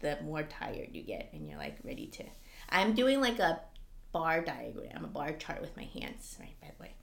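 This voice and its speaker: A woman co-hosting a podcast in casual chat, talking in an animated way with lots of fillers. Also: sits low, moderate pace, gravelly, echoey room. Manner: chatty, animated, frequent "like" fillers. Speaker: podcast co-host.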